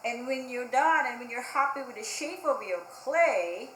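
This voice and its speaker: At a children's library storytime, a woman with a fairly high, slightly bright voice explains a craft at a moderate, animated pace. She talks straight to the young children using simple, repeated phrases, in a room with echo and faint background noise.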